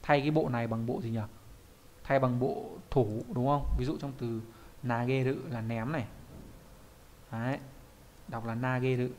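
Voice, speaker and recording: A man's voice: medium pitch, steady tone, moderate pace, long pauses, a little mellow, slight background noise. A man, a Japanese teacher explaining kanji in an online lesson, often asking questions and answering them himself.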